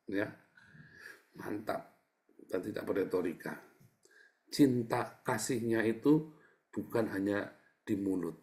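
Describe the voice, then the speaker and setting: A middle-aged man, a pastor, giving a casual, chatty sermon, often turning to his listeners and swinging from quiet asides to loud, emphatic bursts. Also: sits low. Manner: keeps addressing listeners as brothers and sisters.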